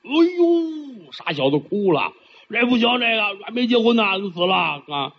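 A man's voice: sits high, expressive, normal speed, breathy edge, exaggerated voice. A man voicing a dim-witted, gluttonous male demon who wails and pleads like a muddled child, in a storytelling performance. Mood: wailing. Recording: dull lo-fi recording.

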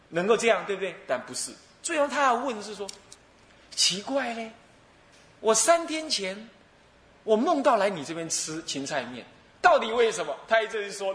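A man's voice: sits high, fairly bright tone, echoey room. A man, a Buddhist abbot giving a sermon lecture, telling stories with humor, chuckling and acting out the people he quotes. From Taiwan. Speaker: Buddhist abbot teaching a sutra.

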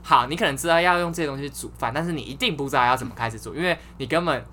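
A woman's voice: low-pitched, racing, a bit bright, a little hiss or hum. A woman, hosting a casual chat and telling stories animatedly, swearing for emphasis. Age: 20s. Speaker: podcast host.

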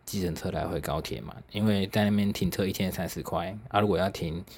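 A young man with a Taiwanese accent and a low, deep voice hosts a solo podcast. He rambles through stories in a chatty, self-mocking way, with easy laughs and mild swearing. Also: fairly even intonation, brisk, a little mellow, a little hiss or hum. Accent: Taiwanese Mandarin. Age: young adult. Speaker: podcast host. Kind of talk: casual solo storytelling.

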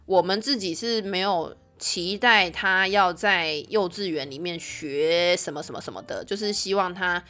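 A woman's voice: on the low side, moderate pace, few pauses, pushed and bright. A woman in her thirties hosting a podcast, chatting casually with lots of filler words. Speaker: podcast host.

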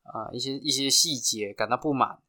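A man with a Taiwanese Mandarin accent hosting a podcast, telling stories in a chatty, halting way full of restarts. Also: mid-range voice, pushed and bright. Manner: chatty, halting with frequent restarts and fillers, laughs at his own stories. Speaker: podcast host. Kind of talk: casual storytelling.

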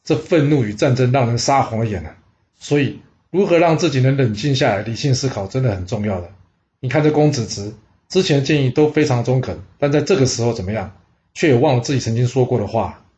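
Male storyteller of mid pitch, chatty and exclaiming, dull lo-fi recording. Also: lively intonation, quick pace, a little mellow. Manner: chatty, asides to the listener, exclaims "哇". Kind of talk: casual historical storytelling.

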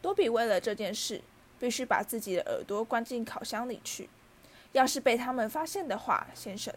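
A woman voicing a small servile male house-elf in a storybook reading, high and shrill, humbly calling everyone sir. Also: animated, normal speed. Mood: anxious. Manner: humble, keeps saying sir.

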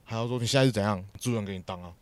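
A man's voice: fairly low pitch, rapid-fire. A man from Taichung with a Taiwanese Mandarin accent, bluntly ranting about old work stories in a casual chat, swearing often. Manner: swears a lot, blunt and excitable. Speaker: podcast co-host, former TV production assistant.

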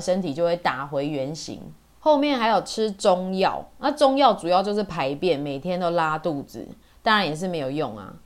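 A woman in her forties from Taiwan with a Taiwanese Mandarin accent, telling personal stories as a podcast host in a chatty, colloquial way. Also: on the low side. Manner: chatty, colloquial, with sentence-final particles. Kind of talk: casual personal storytelling.

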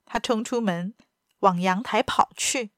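A woman narrating a novel aloud as a storyteller in a steady, even manner. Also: mid-range voice, measured pace, dry recording, studio quality.

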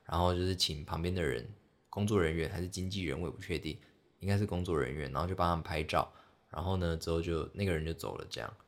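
A young man talks alone on his podcast, his voice sitting low. He tells a story in a loose, rambling way, full of fillers and jokes at his own expense. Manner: rambling, self-mocking storytelling with many fillers. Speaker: podcast host. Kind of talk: solo casual chat.

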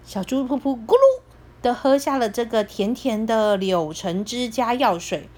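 A woman narrating a children's story in an animated, sing-song way. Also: on the high side, measured pace.

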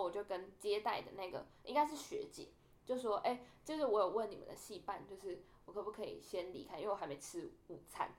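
Speaking quickly, a young adult co-host relates a story on a laid-back podcast. Her voice stays in a mid-range register, and she brings the people she quotes to life with animated vocal shifts.

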